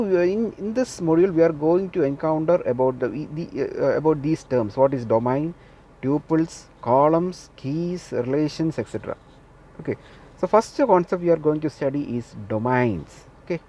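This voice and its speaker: A man's voice: on the high side, darkish tone, lo-fi sound. A man lecturing a class, repeating key points and often checking with the listeners that they follow.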